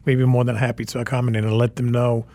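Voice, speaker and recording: Here a male photographer from the Czech Republic, in his forties and a native Czech speaker, is a radio interview guest. His delivery is flat and quick, with a medium pitch and a dark tone, yet he sounds enthusiastic and doubles up words for emphasis.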